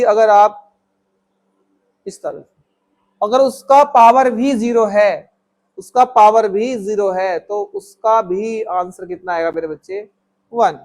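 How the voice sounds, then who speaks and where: A man with a notably high voice explains place value to students. He mixes English number words into Hindi and answers his own questions on their behalf. He keeps checking they follow with short "all right?" tags. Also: darkish tone. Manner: talks students through steps, voicing their answers himself; calls the viewer "my child" affectionately. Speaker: maths teacher. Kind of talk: classroom maths lesson.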